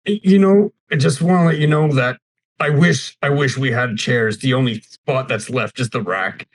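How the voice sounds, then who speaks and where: A man's voice: mid-range voice, moderate pace, lightly acted, low-quality recording. A man voicing a nervous, apologetic prison guard who stammers and rambles politely. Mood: flustered.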